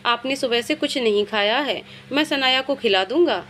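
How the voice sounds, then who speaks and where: A woman voicing a gentle, devoted young man in a storybook reading. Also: fairly high pitch, moderate pace, slight background noise, lightly acted. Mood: tender.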